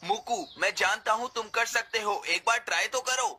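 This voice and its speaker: Whiny, high-voiced cartoon schoolboy. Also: female voice, moderate pace. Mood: urging. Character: emotional, impatient young schoolboy with a pet. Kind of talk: Hindi cartoon dub acting. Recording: loud music under the voice.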